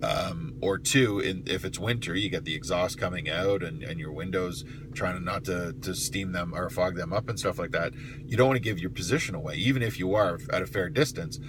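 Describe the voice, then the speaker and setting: Deep-voiced man talking over car noise. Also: fairly quick. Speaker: private investigator telling of the job. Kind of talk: casual vlog monologue with storytelling. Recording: clear steady car noise.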